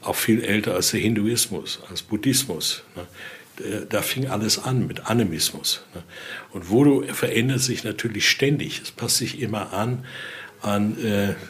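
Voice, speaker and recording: His voice fairly low and a bit bright, an older researcher moves at a moderate pace while explaining collection items in a conversational style. He speaks German as a non-native, with grammar slips, and repeatedly closes sentences with questioning tags.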